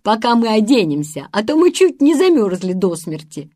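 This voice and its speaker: A woman voicing an excited young boy who shouts to his friends in a storybook reading. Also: mid-range voice, normal speed, no echo.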